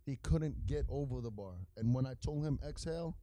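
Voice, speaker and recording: A man's voice: mid-range voice, fairly quick, dark tone, dry recording, poor audio. A man with a New York accent, a guest telling gym stories in casual chat. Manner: storytelling, repeats words and restarts. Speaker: guest, fitness trainer.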